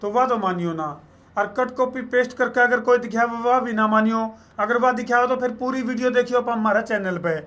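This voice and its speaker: A man's voice: very high voice, brisk, sharp tone. A man with a Haryanvi accent, a local journalist explaining himself to viewers in a folksy way, with proverbs. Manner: folksy, pleads with folded hands, uses proverbs. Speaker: local journalist answering questions.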